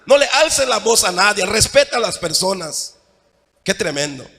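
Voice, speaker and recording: A Mexican man preaches from the pulpit in a high, bright register. He keeps checking in with the congregation and alternates emphatic, near-shouted points with quieter asides. His voice rings out with a long tail of echo through the church hall. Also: very animated, normal speed. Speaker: pastor. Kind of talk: sermon.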